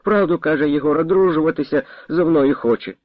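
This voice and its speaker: Defiant young farm lad, yelling high, a man doing him. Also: fast, no room sound, dull audio, lightly acted. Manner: shouting, emboldened. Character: strong young male farmhand, defiant.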